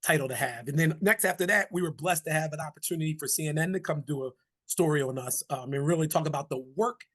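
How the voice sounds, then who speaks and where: A man's voice: on the high side, quick pace, a bit bright. A middle-aged man, giving an upbeat, folksy webinar presentation. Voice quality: raspy.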